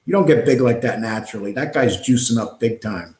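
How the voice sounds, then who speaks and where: A man's voice: mid-range voice, brisk, darkish tone. Chatty New man in echoey room. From New York. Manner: talkative, digressive, frequent ums and uhs. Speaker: host reading live chat. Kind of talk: casual live-stream chat.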